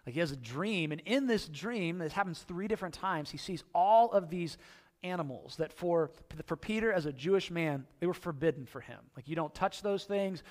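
Man, pastor, sermon, high voice, animated storytelling. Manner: animated storytelling, acts out quoted voices, rising excitement. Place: church.

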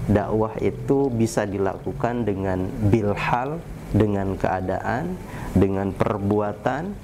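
A man in his thirties delivers a brief morning sermon in a small indoor studio, seated at a desk. His voice sits fairly low, and his delivery stays calm and unhurried. A steady hiss runs under the recording. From Indonesia. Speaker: preacher and founder. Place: small indoor office studio with poster wall. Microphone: seated at desk, camera at medium distance.

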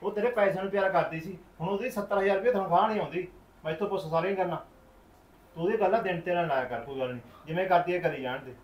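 A man's voice: a little high, fast, few pauses, natural voice, poor audio. A man with a Punjabi accent playing a reassuring, earnest brother. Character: supportive brother, young man.

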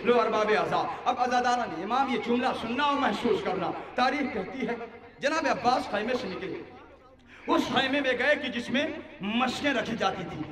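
High-voiced man preaching a mourning sermon. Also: moderate pace. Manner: impassioned, rising to wailing shouts. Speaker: Shia cleric reciting a majlis. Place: large mourning gathering. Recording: echoey hall, far from mic, crowd. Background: mourners' crowd.

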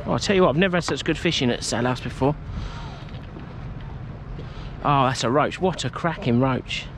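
A man's voice: mid-range voice, fairly quick. A middle-aged man giving casual vlog commentary as he fishes from a boat outdoors. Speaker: angling vlogger. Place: outdoors on a small boat on open water. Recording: wind and boat noise outdoors.

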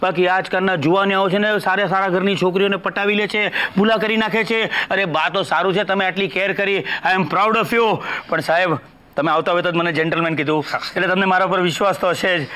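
An actor playing a flustered young man who hides his girlfriend and dodges questions with fast, evasive wordplay in a stage comedy. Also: high voice, steady tone, sharp tone, clean tone. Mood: placating. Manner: fast evasive wordplay, fawning then exasperated. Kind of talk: Gujarati stage comedy acting. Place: theatre stage.

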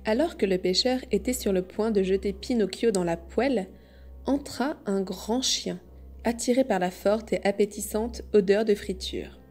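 A woman reading a classic children's story aloud in measured storyteller narration. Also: mid-range voice, a little mellow, soft background music. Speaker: audiobook reader. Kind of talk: scripted narration.

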